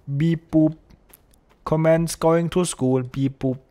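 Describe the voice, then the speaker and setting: A man's voice: on the high side, fairly even intonation, takes it slowly, warm tone. A man putting on a stiff robot voice while playing a game, announcing his status in clipped phrases and saying beep boop. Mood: mock-mechanical. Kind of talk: let's play commentary.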